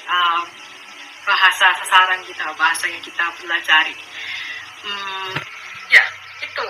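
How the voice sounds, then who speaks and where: A woman's voice: mid-range voice, bright, forceful tone, a little hiss or hum, rough recording. A young Filipino woman with a Filipino accent, a foreigner speaking fluent colloquial Indonesian in a casual vlog style. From Philippines. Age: young adult. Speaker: language student making videos.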